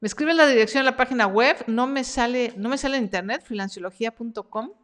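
A woman's voice: fairly high pitch, fast talker, a bit bright. A woman hosting a live stream Q&A about her freelance workshop, reading viewer comments aloud in a chatty, encouraging way.

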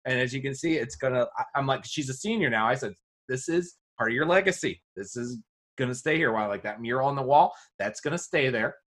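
A man talking quickly and casually on a podcast about his teaching. He rambles through classroom anecdotes, restarting sentences and acting out what students said. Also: expressive, a bit bright. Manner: rambling storyteller, acts out quoted students with a high voice. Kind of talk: casual conversation.

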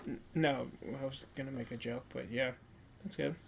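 A woman's voice: rumbling low, steady tone, normal speed, vocal fry, slight background noise. A woman co-hosting a film podcast in casual banter, informal and wry, chiming in with short remarks.

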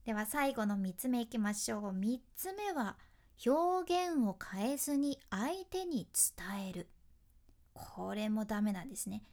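A high, bright-voiced woman with a teaches how to speak in a casual lesson. She is chatty and upbeat, explains as an announcer and speaking coach would, and laughs often. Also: big pitch swings, a little slow.

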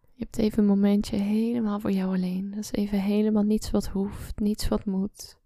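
A woman guiding a relaxation meditation, speaking slowly and softly, often in a whisper, close to the mic. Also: mid-range voice, flat delivery, dry recording. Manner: slow soft-spoken, often whispering. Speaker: meditation guide.

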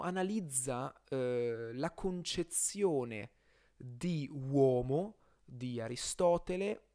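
A man hosting an informal philosophy lesson, explaining aloud in a halting way, often correcting himself and stretching out words as he goes. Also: medium pitch, mellow. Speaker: host of a philosophy podcast series.

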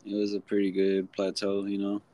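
A man's voice: fairly low pitch, completely flat delivery, a little fast, mellow, no room sound, muffled recording. A man chatting casually on a podcast in laid-back slang, often repeating his phrases. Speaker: podcast guest or co-host. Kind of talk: casual chat.

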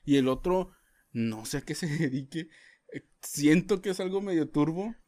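Mexican dude co-host, slangy and joking, kinda high voice, chill. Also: male voice, moderate pace. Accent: Mexican Spanish. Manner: joking, relaxed, uses slang, brief backchannel replies. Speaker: podcast co-host. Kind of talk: casual chat.

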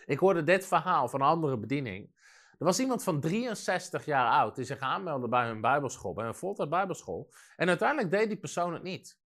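A man's voice: a little high, fairly quick. A man preaching a sermon in a studio, telling stories and acting out the voices of the people in them. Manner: lively storytelling, acts out quoted voices.

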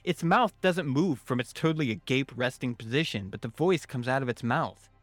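A man's voice: medium pitch, animated, moderate pace, a bit bright, no room sound, soft background music. A man narrating a scripted first-person horror story in a wry manner.

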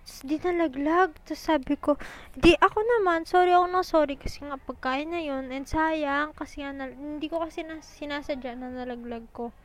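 A young woman with a high voice tells stories in a chatty, animated way. She sounds a little out of breath as she goes. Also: normal speed, poor audio. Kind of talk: casual storytelling.

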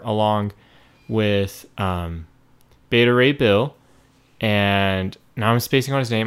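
A man's voice: mid-range voice, smooth. A man co-hosting a casual podcast, talking with enthusiasm and plenty of fillers. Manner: enthusiastic, rambling with many fillers. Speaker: podcast co-host. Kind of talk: casual chat.

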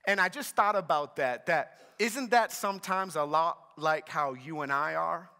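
A man preaching a sermon in a church, telling family stories with animated energy and lots of "like.". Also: a little high, a little slow, clear, resonant tone. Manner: animated storytelling, frequent "like". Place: church sanctuary. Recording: reverberant church hall.

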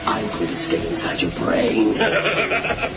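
A man's voice: on the low side, wildly swooping pitch, unhurried. A man playing a gloating, sly computer virus villain in a scripted drama, taunting and cackling with menace. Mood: menacing glee. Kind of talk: scripted film or game villain acting. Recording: dull sound under loud music.

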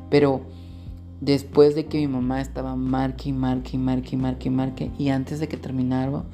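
A man's voice: mid-range voice, gravelly, warm tone. A man co-hosting a podcast, reading a listener's story aloud in a frank, chatty and playful way. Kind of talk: casual chat and reading aloud.

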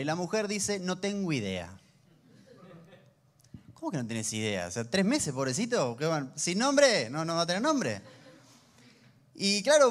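Man in his 30s, high-pitched, relaxed joking preacher. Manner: conversational, humorous storytelling. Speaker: pastor. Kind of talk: sermon.

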